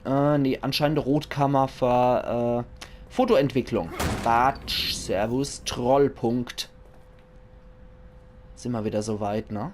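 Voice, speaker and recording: A man with a Palatinate German accent gives casual commentary on a video game. He sounds chatty and jokey and talks to himself as he plays. His voice sits at a middle pitch, with a light hiss of noise behind it. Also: steady tone, takes it slowly, a little mellow. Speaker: let's play commentator.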